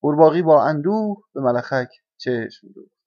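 A man's voice: fairly high pitch, no echo. Man reading a children's storybook. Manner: calm, measured narration. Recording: dull, dry lo-fi recording.

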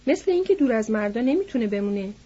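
A loud, gossiping young ranch hand, as a woman reader puts him on, pitched a little high and mellow, with a husky edge. He talks eagerly about town and the girls, loud and lively. The reading is on a dull lo-fi recording.

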